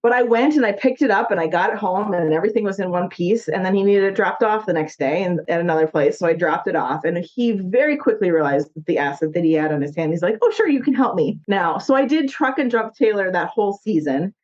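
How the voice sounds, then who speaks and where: This woman talks fast with few pauses, her mid-range voice expressive and darkish, with the highs cut off. She's a guest in a casual interview, a construction company owner in her thirties with a Minnesota accent, chatty, laughing often and saying "like" a lot.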